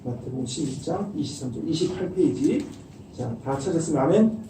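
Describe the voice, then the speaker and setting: A middle-aged man preaching a sermon as pastor, animated and acting out the voices he quotes. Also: on the high side, brisk, recorded from a distance, background noise. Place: church sanctuary. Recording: echoey church hall miked from afar.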